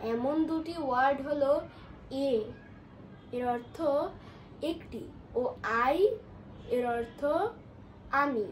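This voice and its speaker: A woman with a Bangladeshi accent giving a lesson as a teacher, explaining slowly and carefully and drawing out example words syllable by syllable. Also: high-pitched, a little hiss or hum, low-quality recording.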